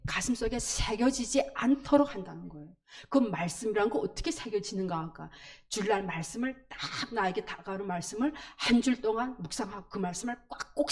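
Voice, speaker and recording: A woman telling her conversion story in church, in an animated storytelling way with sound words. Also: medium pitch. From North Korea. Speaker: church testimony speaker. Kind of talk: personal testimony in church.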